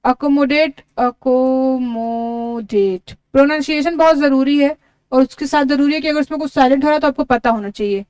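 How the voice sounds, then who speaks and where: A woman's voice: high voice, fairly even intonation, fast talker, a little mellow, no echo. A woman teaching an exam-prep lesson, explaining step by step and spelling words out letter by letter. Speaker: English teacher.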